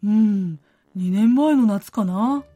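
A woman's voice: mid-range voice, slow pace, dark tone, soft background music. A woman voicing a playful young boy in a radio comedy skit, talking in a teasing way. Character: playful young boy named Sora-kun.

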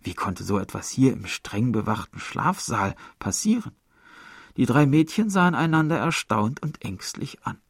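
A man narrating a story as an audiobook in a measured storytelling manner. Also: medium pitch, very animated, gravelly, breathy edge, dry recording, studio quality.

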